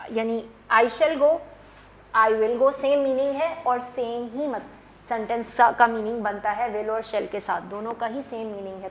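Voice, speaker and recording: A woman teaching an English grammar lesson, explaining patiently and switching between Hindi and English as she repeats example sentences slowly. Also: on the high side, echoey room, a little hiss or hum, low-quality recording.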